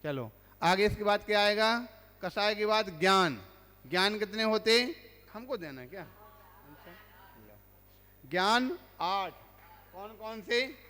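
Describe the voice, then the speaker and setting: A monk teaching a religious class quizzes his listeners, then recites the lists himself. His high voice is bright and forceful with lively intonation, and he takes it slowly with frequent pauses. A long hall reverb surrounds the recording.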